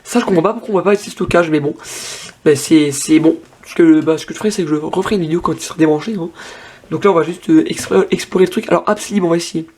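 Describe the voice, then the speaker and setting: A man's voice: a little high, racing, a little mellow, slight background noise. A young man casually demoing an old tablet on camera, thinking aloud with lots of fillers and restarts. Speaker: tech vlogger. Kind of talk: casual hands-on device demo.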